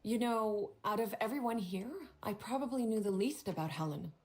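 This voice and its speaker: A woman's voice: mid-range voice, moderate pace, a little mellow, close to an everyday voice. A woman voicing a prim, formal hotel desk clerk in a video game who turns catty and gossipy.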